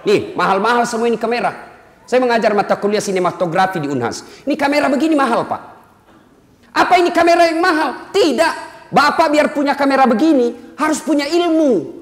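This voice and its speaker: A man preaching a humorous sermon, lively and jokey, swinging between loud and soft. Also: extremely high pitch. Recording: echoey hall with long reverb.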